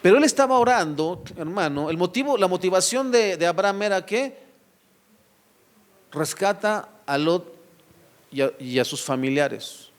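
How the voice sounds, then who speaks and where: A man's voice: high voice, expressive, normal speed. A man preaching a sermon to his church, firing rhetorical questions at the congregation and addressing them directly. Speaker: pastor.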